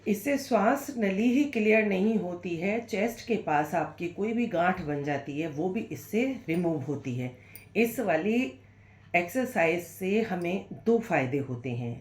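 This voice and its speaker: Lowish woman voice, yoga teacher leading breathing drills, sore throat and coughy, patient and reassuring, echoey room. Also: darkish tone. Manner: patient, instructive, reassuring, encouraging. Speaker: yoga and pranayama instructor. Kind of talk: guided breathing exercise lesson.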